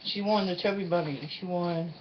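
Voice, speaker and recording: A woman's voice: on the low side, steady tone, moderate pace. A woman hosting a casual challenge vlog, chatting in an informal, folksy and self-deprecating way. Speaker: host of a challenge video. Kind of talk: casual vlog chat with a partner. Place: indoors at home, room with a refrigerator. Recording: dull lo-fi sound with faint noise.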